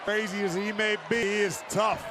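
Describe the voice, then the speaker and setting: High-voiced male wrestling color commentator. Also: flat delivery, normal speed, over a noisy crowd, very noisy. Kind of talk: live sports commentary.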